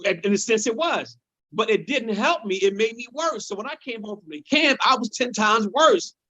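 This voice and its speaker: A man who is a comedian, chatting casually on a podcast and telling animated stories, often repeating words as he goes. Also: high voice, moderate pace. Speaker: comedian guest. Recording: dull lo-fi sound.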